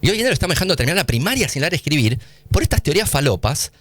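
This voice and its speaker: An Argentine man speaks fast in a radio studio interview, his pitch rising and falling a lot as he explains with casual slang. The sound is dry and close, with no room echo. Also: big pitch swings, fairly bright tone. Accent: Argentine Spanish. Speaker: guest scientist.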